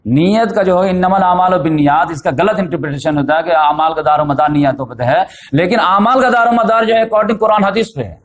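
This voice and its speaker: A man's voice: high-pitched, hardly any pauses. A man giving a religious lecture in storytelling form, sprinkling in English words and growing emphatic when he voices the people in his story. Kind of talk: Urdu religious lecture on the Prophet's life.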